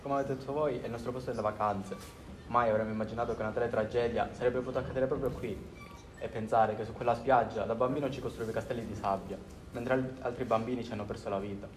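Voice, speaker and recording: A young man, a student, reading a prepared answer in an earnest, steady way. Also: mid-range voice, fast. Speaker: student interviewee. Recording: roomy with faint background noise.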